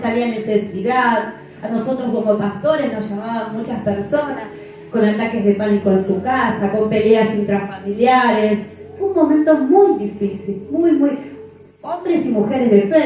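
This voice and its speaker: A woman's voice: a little high, a little mellow. A middle-aged woman pastor preaching a sermon, emphatic and repeating phrases for effect. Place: church. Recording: echoey church from far off.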